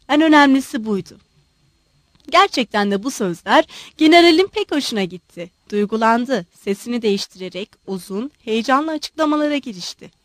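Expressive high-voiced woman narrating a novel. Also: no echo, clean studio sound. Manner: expressive, measured storytelling. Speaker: audiobook narrator. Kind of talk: scripted literary narration.

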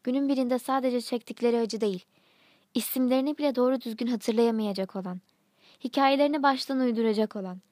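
Woman reading a short story out loud, calm and steady, kinda high voice, dry close sound. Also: dry recording. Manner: calm, measured narration.

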